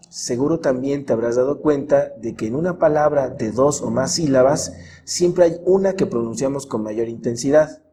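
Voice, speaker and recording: A man narrating a scripted grammar lesson as a teacher, in a measured way, drawing out the example words slowly. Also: medium pitch, warm tone, slight background noise. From Mexico.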